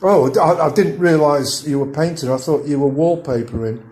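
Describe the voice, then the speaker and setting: A man's voice: fairly high pitch, normal speed, a little mellow, a little hiss or hum. A father chatting casually at home with his family, teasing and joking.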